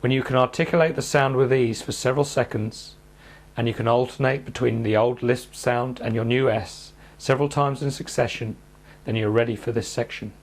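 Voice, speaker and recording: A man calmly guiding listeners through speech therapy exercises in a measured instructional narration. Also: medium pitch. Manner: calm, measured, step-by-step coaching.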